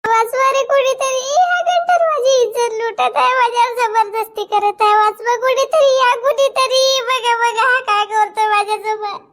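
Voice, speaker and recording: A woman acting a scheming village wife in a comedy sketch, coaxing in a slow, drawn-out voice with a questioning "hm?" after her lines. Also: very high voice, heavy background noise. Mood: screaming. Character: scheming village wife, seductive then screaming.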